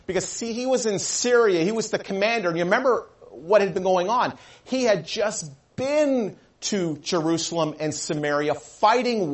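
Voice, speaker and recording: A man preaching a sermon, telling a story with animated delivery and acting out the voices of the people in it. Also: sits high. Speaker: pastor.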